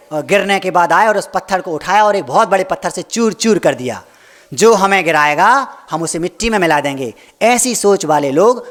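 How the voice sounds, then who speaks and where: Man, Jain monk, sermon, high voice, hall echo, storytelling with rhetorical questions.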